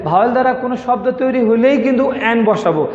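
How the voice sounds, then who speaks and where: Casting: high-voiced male teacher from Bangladesh, slow and patient, dull lo-fi sound. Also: animated, darkish tone. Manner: slow, patient, repeats words for students. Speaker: English teacher. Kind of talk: online grammar lesson. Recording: echoey room, dull lo-fi sound.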